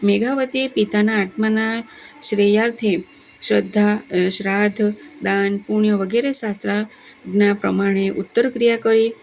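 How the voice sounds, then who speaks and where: A woman's voice: medium pitch, fairly even intonation, normal speed, gravelly, darkish tone, slight background noise. A woman reading devotional scripture stories aloud, with small slips and self-corrections. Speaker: devotional story reader. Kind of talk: religious scripture storytelling.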